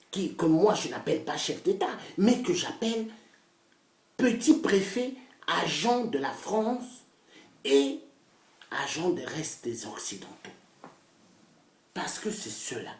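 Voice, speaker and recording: A female political activist delivers an impassioned rant to the camera, her pitch wildly lively. She is fiery and repetitive, lurching between loud outbursts and hushed whispers. The recording is roomy and echoey, with her voice far from the mic.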